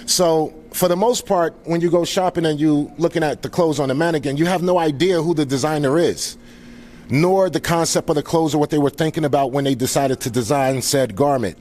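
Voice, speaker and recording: A man's voice: a little high, a little fast, darkish tone. A man speaking as a founder presenting at a live event, informally welcoming guests in an earnest, grateful way.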